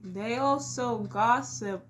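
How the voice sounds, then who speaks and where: Slow-talking young woman vlogger. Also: fairly high pitch, slight background noise. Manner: emphatic, addresses viewers directly. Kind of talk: casual comedic vlog.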